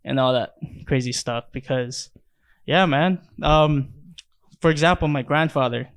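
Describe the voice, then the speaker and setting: A young man from the Philippines chatting casually on a podcast, rambling and halting, swearing freely, close on a handheld mic. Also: mid-range voice, clean tone, no room sound. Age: young adult. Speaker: podcast host. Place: small plain room, indoors. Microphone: handheld microphone held close.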